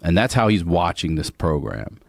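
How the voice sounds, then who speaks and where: A man telling a story in a casual podcast chat, animated and swearing, acting out the people he quotes. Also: low voice, normal speed, dry recording. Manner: animated, swears a lot, acts out quotes, laughs often.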